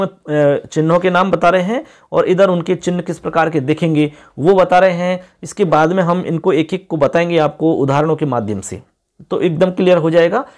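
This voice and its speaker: A man teaching a grammar lesson for exam prep, explaining patiently and often checking in with the learners. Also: on the high side. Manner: explanatory, often asks "ठीक है?".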